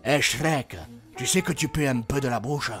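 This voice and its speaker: A man's voice: medium pitch, moderate pace, a bit bright, faint music behind, natural voice. A man voicing a brash, cheeky cartoon donkey who talks in a yappy, insistent, repetitive patter. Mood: cheeky, teasing.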